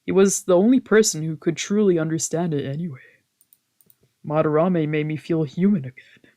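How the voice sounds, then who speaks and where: At normal speed, a man with a slightly high, mellow voice streams a visual novel. He narrates the text aloud and comments casually, with reactive outbursts, swearing, trailing off and correcting himself often.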